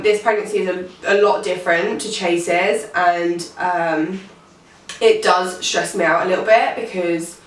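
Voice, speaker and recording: Chatty teen woman in an echoey room. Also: on the low side. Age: teens. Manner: rambling, chatty, many fillers. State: pregnant. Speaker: vlogger. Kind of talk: casual chat to camera. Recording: echoey room, mic far off.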